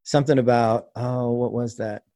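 A man's voice: medium pitch, moderate pace, dry recording, clean studio sound. Man laughing through a story. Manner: laughs often, animated storytelling. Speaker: podcast guest, host of another podcast. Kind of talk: casual chat.

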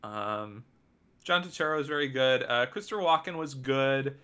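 A man's voice: medium pitch, animated, moderate pace, sharp tone, clear, resonant tone. A man co-hosting a casual chat about TV awards, wry and offhand, trailing off with ums. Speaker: podcast co-host.

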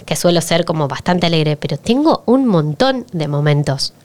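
A woman's voice: deep voice, animated, normal speed, a little mellow. A woman with a Rioplatense Spanish accent, co-hosting a podcast, frank and reflective. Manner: frank, reflective, chiming in with agreement. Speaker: podcast co-host. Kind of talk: casual podcast chat.

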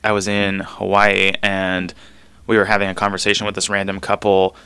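A man's voice: low voice, monotone, normal speed, sharp tone, smooth, no room sound. A man from Southern California with a slight San Fernando Valley accent, hosting a radio interview in a chatty, rambling way in a studio. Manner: rambling, chatty, full of fillers. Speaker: radio forum host. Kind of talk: casual on-air interview.

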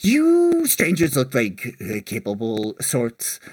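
A man voicing an older female kobold who runs a seafood cart, speaking in an eager sales pitch. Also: huge pitch swings, slow pace, darkish tone, husky, exaggerated voice.

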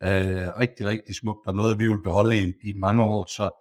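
A man's voice: on the low side, flat delivery, a little mellow, no room sound, clean studio sound. A man hosting a podcast, speaking hesitantly with many fillers. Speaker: podcast host. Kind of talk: casual interview and outro.

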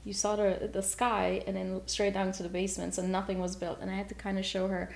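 A woman in her thirties from Guyana, guesting on an interview about her real estate work. She talks quickly and energetically, restarting phrases as she goes, in a mid-range voice. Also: mid-range voice, monotone, vocal fry, darkish tone.

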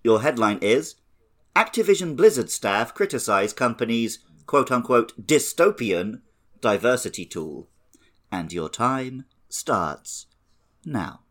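A young man runs a podcast quiz, reading headlines and needling his friends between rounds. His pitch rises and falls with lively swings. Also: slow. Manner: teasing, reads headlines then banters. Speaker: quiz host. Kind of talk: casual comedic game-show podcast.

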